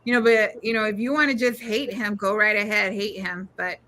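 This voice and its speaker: A woman on a live video-call panel, talking in an animated and emphatic way, with a grown daughter. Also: medium pitch, fairly quick. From California. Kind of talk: casual panel chat.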